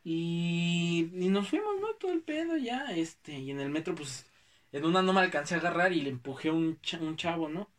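A young man with a Mexico City accent, chatting casually and telling stories in animated, slangy talk. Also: a little high, normal speed, distant mic. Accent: Mexico City Spanish. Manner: slangy, animated, acts out quotes. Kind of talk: casual chat, storytelling.

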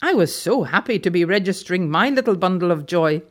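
A woman from Ireland, telling a personal anecdote in a gentle, measured way. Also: lowish voice, expressive. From Northern Ireland. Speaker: storyteller. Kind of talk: anecdote storytelling.

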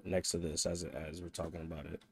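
A man's voice: sits low, level tone, brisk, slightly rough, dry recording. A young man in casual chat among friends as a podcast co-host, speaking in a laid-back, slangy way.

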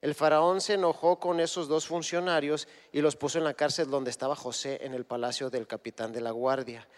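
A man's voice: on the high side, fairly even intonation, fairly quick, big-room sound. A man giving a conversational sermon, retelling scripture and acting out imagined dialogue. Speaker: guest preacher.

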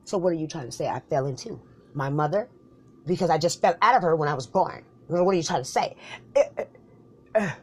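A woman with a deep, low-pitched voice tears through a comic argument. She bickers back and forth, swearing freely and firing off quick retorts. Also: husky.

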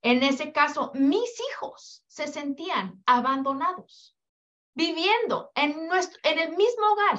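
High-voiced woman coaching mothers. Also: pushed and bright. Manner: preachy, rhetorical questions, acts out quoted lines. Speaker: podcast host and parenting coach. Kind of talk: motivational monologue. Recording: dull lo-fi podcast audio.

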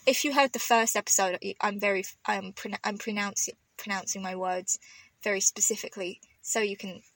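A woman's voice: medium pitch, steady tone, a little fast, fairly bright tone, no echo, poor audio. A young woman with a London accent who says th as f and clips her words together in casual podcast chat. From London, England. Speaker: podcast co-host.

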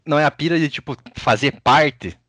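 A man with a Brazilian accent, co-hosting a casual podcast chat, animated and full of slang and jokes. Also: fairly high pitch, normal speed, no room sound.

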